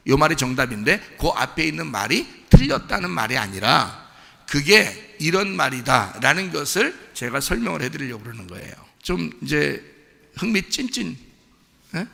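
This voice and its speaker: A man's voice: fairly high pitch, gravelly, bright, forceful tone, in a large hall. A male pastor preaching a sermon in a conversational way, quizzing the congregation with repeated questions. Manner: acts out quoted voices to make a point. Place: church sanctuary.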